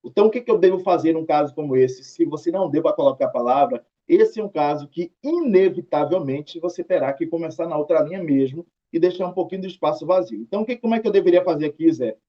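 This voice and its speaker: A man's voice: fairly high pitch, expressive, fast talker, few pauses, highs cut off. A Brazilian man teaching a writing lesson, talking students through examples in a chatty, mildly scolding way. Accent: Brazilian Portuguese. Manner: chatty, drawing out tag questions, mildly scolding.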